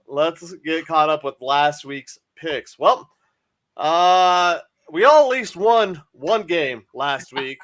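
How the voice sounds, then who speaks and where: Male podcast host, casual sports banter, loose joking manner, slightly high voice. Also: animated, takes it slowly, fairly bright tone.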